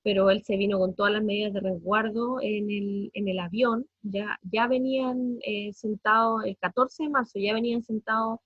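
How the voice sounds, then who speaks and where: A woman in her thirties with a Chilean accent gives an emotional family testimony, halting, with many fillers and repeated words. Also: medium pitch, fairly even intonation, dry recording, lo-fi sound. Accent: Chilean Spanish. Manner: halting, many fillers and repetitions, voice breaking with distress. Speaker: parent giving a family testimony.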